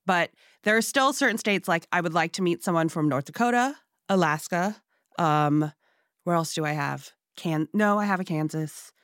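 Chatty woman guest, low dry voice. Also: normal speed, a bit bright, dry recording. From Singapore and Hong Kong. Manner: chatty, frequent fillers, laughs easily. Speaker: guest, pie baker. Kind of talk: casual interview chat.

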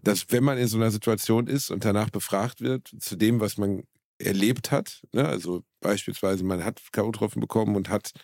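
A man's voice: lowish voice, moderate pace, vocal fry, a little mellow, dry recording, studio quality. A man in casual podcast chat, chiming in with wry quips and questions. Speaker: podcast co-host.

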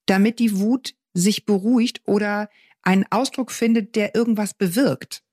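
A woman's voice: mid-range voice, normal speed, warm tone, husky, dry recording. Woman cohost on a parenting show, keeps agreeing, sums up a letter, dry mic. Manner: engaged, frequent agreeing, reads out a listener letter. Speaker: podcast co-host giving parenting advice. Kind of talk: casual advice chat.

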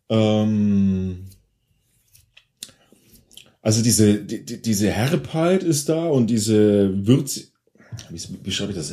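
A man with a low, warm, mellow voice and a Franconian German accent talks through a beer in casual tasting chat. He pauses often and restarts, hunting for the right word. His tone stays relaxed and unhurried. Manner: hesitant, searching for words while describing flavours. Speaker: podcast co-host, beer taster.

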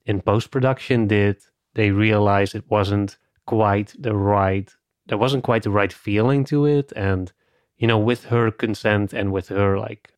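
Low-voiced man co-hosting a film podcast. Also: steady tone, measured pace, clear, resonant tone, dry recording, clean studio sound. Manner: conversational, often says "you know" and "like". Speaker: podcast co-host. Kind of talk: casual film discussion.

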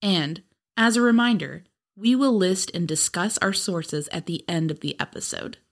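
A woman's voice: lowish voice, moderate pace. A woman podcast host reading scripted true crime narration.

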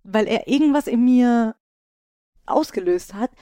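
Chatty lady host, mellow tone, dry close sound, lots of restarts. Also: on the high side, expressive, a little slow, dry recording. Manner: chatty, restarts, laughs often. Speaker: podcast host. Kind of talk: casual chat.

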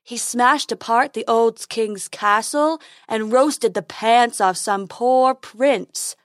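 A woman voicing a silly, stubborn male unicorn who talks slowly. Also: fairly high pitch, no room sound, clean studio sound. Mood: gossipy. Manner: slow, dopey.

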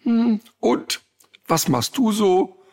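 A terrified young man stuck at sea, stammering and trailing off, as a man puts him on while telling a story. The voice is pushed well above the teller's own and swings widely in pitch, with a husky, gravelly edge. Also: lively intonation, very slow, full character voice. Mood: panicked. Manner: stammering, fearful, hesitant.

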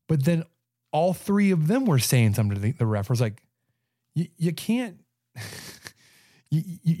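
A man of thirty-five co-hosting a sports podcast, telling stories in casual chat with quick stammering restarts. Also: mid-range voice, dry recording, clean studio sound. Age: 30s. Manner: animated storyteller, stammering restarts. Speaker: podcast co-host.

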